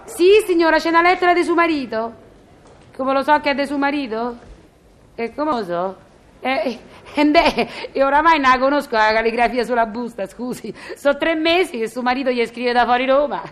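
An actress in a radio comedy playing a chatty, sarcastic middle-aged Roman doorkeeper with a Roman accent. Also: female voice, sits high, moderate pace, a bit bright. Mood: gossipy. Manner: chatty, sarcastic, mock-polite on the phone. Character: gossipy sharp-tongued Roman woman doorkeeper.

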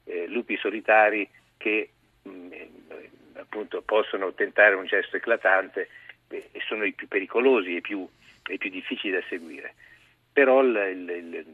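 A man speaking over the phone as a guest journalist, giving a measured news briefing. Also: deep voice, husky, no room sound. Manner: measured, explanatory. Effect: heard over the phone. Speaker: magazine deputy editor, guest journalist. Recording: dry tinny phone line.

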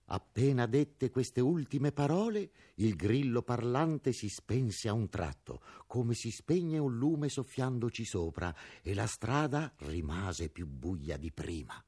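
A man narrating a classic storybook radio drama in an expressive, theatrical reading. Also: mid-range voice, takes it slowly, few pauses, slightly rough.

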